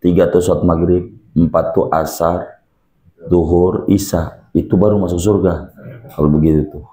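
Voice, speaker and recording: A man's voice: low voice, fairly even intonation, moderate pace, mellow, slight background noise. A man giving a joking, repetitive religious lecture to a congregation. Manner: jokey, uses Betawi slang and repeats phrases. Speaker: preacher.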